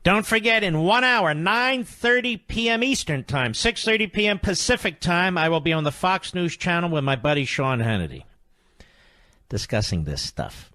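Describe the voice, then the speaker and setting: A man's voice: high voice, very animated, moderate pace, sharp tone, no echo. A man hosting a call-in talk radio show, speaking emphatically and indignantly into a studio microphone.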